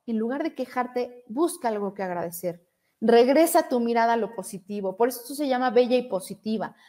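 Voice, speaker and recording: A woman's voice: a little high, warm tone. A woman hosting a motivational live stream, encouraging viewers and reading out their comments. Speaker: live stream host and coach.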